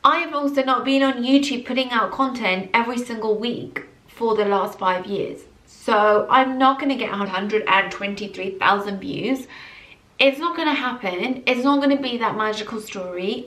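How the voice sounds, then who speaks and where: Speaking at normal speed with a fairly high pitch, a vlogger from England in her early thirties gets animated in a motivational clip, emphatically repeating her points in a casual way to camera. The far-off camera mic leaves an echoey room sound.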